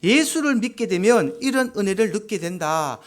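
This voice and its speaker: A man's voice: sits high, animated, normal speed. A man with a Gyeongsang Korean accent preaching a sermon as pastor. He acts out the husband and wife he quotes.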